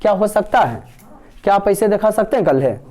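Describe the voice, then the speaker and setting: A man's voice: high voice, lively intonation, fairly quick, darkish tone. A male teacher, dictating a grammar lesson word by word and quizzing his students. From Bihar, India.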